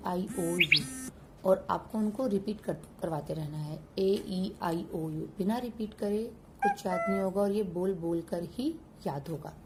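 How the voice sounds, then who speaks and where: A woman's voice: medium pitch, heavy background noise. A woman hosting a home-teaching tutorial, patiently going through letter sounds one at a time. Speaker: teacher and channel host.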